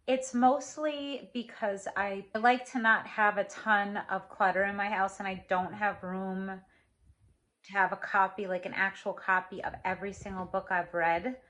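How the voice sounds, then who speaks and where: A woman's voice: mid-range voice, fairly even intonation, unhurried, fairly bright tone. A middle-aged woman talking casually in a video diary about a book she is reading, thinking aloud as she goes. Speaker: vlogger's mother.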